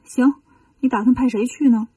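Woman doing a cocky monkey king, storybook, brisk, fairly high voice, breathy. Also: steady tone, warm tone, no echo, recorded from a distance. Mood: teasing. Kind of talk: children's storybook reading.

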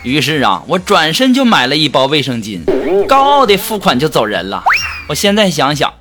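A man hosting a comedy show, animated and laughing as he tells jokes. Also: fairly high pitch, moderate pace. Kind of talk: joke telling for a radio-style show. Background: music.

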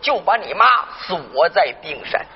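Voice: mid-range voice, big pitch swings, unhurried. A performer doing a weepy, proud old grandfather. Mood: emotional, sobbing. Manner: wailing, sobbing pleas rising to shouts. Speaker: storyteller in a sung-spoken folk duet. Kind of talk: Henan zhuizi dialogue storytelling. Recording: dull lo-fi recording with faint hiss.

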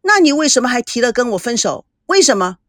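Woman reader doing a young girlfriend, high and loud, all hurt and shouty. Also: big pitch swings, fast, no room sound, clean studio sound. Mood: upset, accusing. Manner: loud, tearful, accusing.

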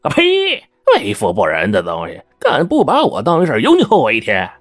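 一位男性说书人演绎一个油滑、爱巴结又大惊小怪的混混男子。. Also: male voice, mid-range voice, fairly quick, no room sound, clean studio sound, voice pushed up. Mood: spiteful. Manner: fawning, scheming, excitable. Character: sly wheedling male small-time hustler.

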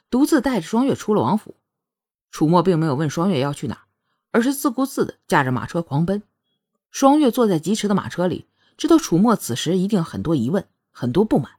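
A woman narrating a romance novel chapter in an expressive storytelling manner. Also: fairly low pitch. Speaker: audiobook narrator. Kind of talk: scripted narration.

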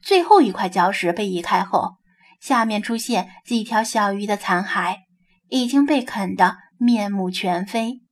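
A woman narrating a novel as an audiobook, in an even storytelling delivery. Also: mid-range voice, measured pace. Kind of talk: scripted narration.

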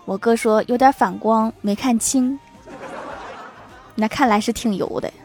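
A woman narrating short funny anecdotes with deadpan punchlines and wry laughs. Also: a little high, a little slow. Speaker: comedic storyteller. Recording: music bed underneath.

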